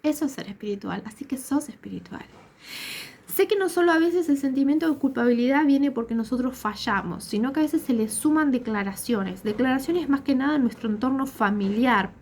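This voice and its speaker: High-voiced Rioplatense woman preaching. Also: expressive, a little fast, darkish tone, a little hiss or hum. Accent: Rioplatense Spanish. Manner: earnest, repetitive emphatic phrasing. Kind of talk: sermon.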